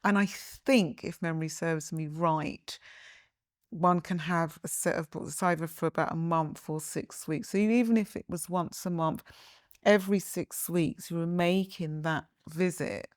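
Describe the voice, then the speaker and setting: Low-pitched London woman hosting. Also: fairly even intonation, a little slow, no room sound, studio quality. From London, England. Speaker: interviewer and host. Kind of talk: conversational interview.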